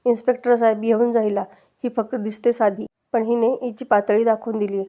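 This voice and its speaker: Scheming woman villain, read by a woman narrator, flat, slightly high. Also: fairly quick, natural voice. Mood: fake grief. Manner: mocking, threatening in low tones.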